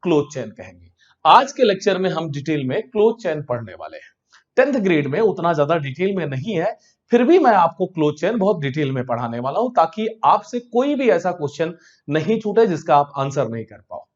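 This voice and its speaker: Lively high-voiced male science teacher. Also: highs cut off. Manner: asks questions and answers them himself, drawn-out key terms. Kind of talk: classroom lecture.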